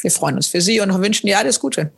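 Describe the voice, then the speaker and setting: Mid-pitched woman interpreting an interview. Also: lively intonation, fast talker, gravelly, husky. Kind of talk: consecutive interpreting, informal.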